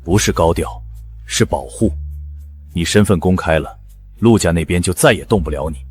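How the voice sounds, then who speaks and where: Calm protective rich-family man, low and very husky, music behind. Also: normal speed. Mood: reassuring.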